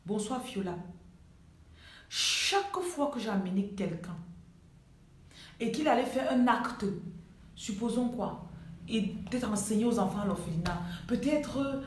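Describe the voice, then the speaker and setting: A woman with a Cameroonian French accent gives a live motivational talk from her home, pressing her points hard and repeating the key lines for weight. Her voice sits at a middling pitch. It rings with the echo of a bare room. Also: lively intonation, unhurried, long pauses, slight background noise. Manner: emphatic, repeats key phrases for effect. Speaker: life coach.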